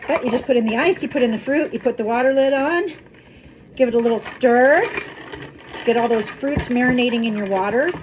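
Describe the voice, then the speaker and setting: A woman's voice: on the high side, fairly quick. Chatty woman vlogging in her kitchen, noisy recording. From Colorado. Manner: chatty, friendly, talks while cooking. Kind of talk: casual kitchen vlog. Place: home kitchen.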